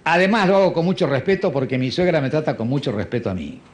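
A man performing a stand-up comedy monologue in a dry, understated deadpan manner. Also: on the high side, fast. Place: stage before a live audience. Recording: live show with audience and faint noise.

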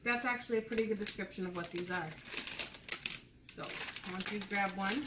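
A woman's voice: mid-range voice, moderate pace. Woman in a roomy, noisy home recording. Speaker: mother co-hosting a candy review with her child. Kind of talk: casual chat with a child. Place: indoors at a table in a home room.

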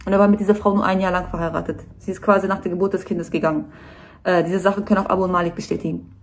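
A woman's voice: lowish voice, level tone, very fast. A nervous woman giving a personal statement to camera, earnest and hesitant.

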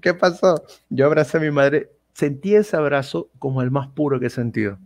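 Man with a gravelly voice. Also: a little high, normal speed, a crowd in the background. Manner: animated retelling full of quoted dialogue. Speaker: guest. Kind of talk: casual storytelling interview.

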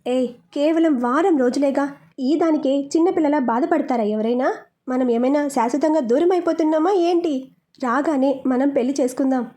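A woman's voice: sits high, normal speed, natural voice. A woman reading a tender, coaxing young lover. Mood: gentle coaxing. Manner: gentle coaxing.

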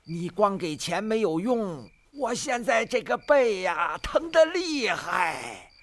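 A man's voice: sits high, sing-song, takes it slowly, heavily acted. An actor playing a frail old man who is secretly a sword master, groaning, begging and teasing in a film scene. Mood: groaning, wheedling. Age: older. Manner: groaning, moaning and begging, mocking. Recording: film soundtrack with noise.

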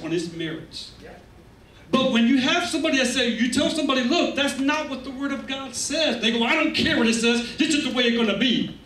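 A middle-aged pastor with an extremely high, fairly bright voice preaches a sermon from a church stage in a medium-sized indoor hall, holding a handheld mic. His delivery is conversational and emphatic, with asides to the congregation. The room is echoey and the camera sits far back.

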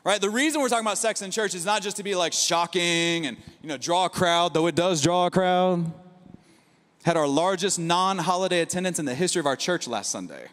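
A man in his thirties preaches from a large auditorium stage, holding a handheld mic. His voice sits high for a man, and his conversational delivery is full of asides. The sound carries a long hall reverb. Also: fairly quick. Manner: energetic, conversational preaching with asides and rhetorical "right?". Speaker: pastor. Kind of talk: sermon.

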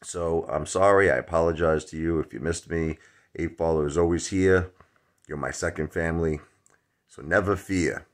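A man, chatting rambly to his phone camera in a dark room at home. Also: low voice, fairly even intonation, normal speed. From Brooklyn, New York. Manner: rambling, chatty, many fillers. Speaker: stock vlogger. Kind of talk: casual chat to camera. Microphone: phone at arm's length.

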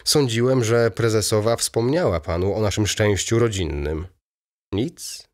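A man reading an audiobook voices a fussy, excitable aging male baron in a raised, eager, chattering manner. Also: fairly low pitch, measured pace, natural voice.

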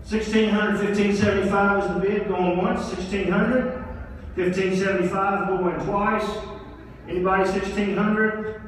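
A man working as a charity auctioneer, calling out bids briskly and coaxing the crowd to raise them. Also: high-pitched, fairly even intonation, slight background noise. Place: large hotel ballroom. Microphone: handheld mic, filmed from far back. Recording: echoey ballroom from far off.

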